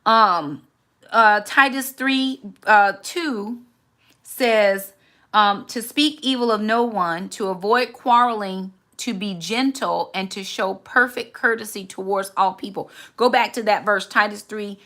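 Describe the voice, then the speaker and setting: A woman in her forties hosts a candid, reflective faith talk, earnest and often repeating words while gathering her thoughts. She speaks slowly at a medium pitch with a fairly bright tone.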